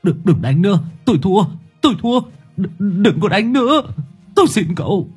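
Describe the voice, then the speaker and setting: Audiobook: beaten stammering man, high and husky, put on by a male narrator. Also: big pitch swings, normal speed, soft background music, heavily acted. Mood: pleading. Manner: stammering, pleading. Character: middle-aged man, beaten, begging for mercy.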